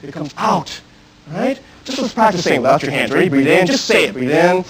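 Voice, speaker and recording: A man teaching a self-defense class, coaching step by step and shouting drill commands. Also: a little high, expressive, brisk, heavy background noise. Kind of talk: live class instruction. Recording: archive 1990s instructional video.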